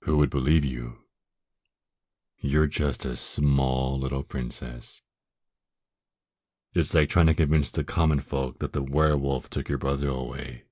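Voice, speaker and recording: Playing an ancient vampire lord for ASMR, a man speaks in an extremely deep, steady voice, captured close-up with no room sound. His pace is measured with long pauses as he lingers over phrases, teasing and condescending. He comes across as dominant, smug and seductively menacing, both seductive and gloating.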